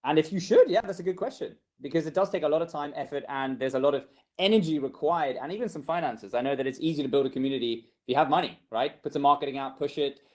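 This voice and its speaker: Jokey, slightly high-voiced male host. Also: quick pace, darkish tone. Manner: jokey, self-deprecating, hesitant fillers. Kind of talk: live online show hosting.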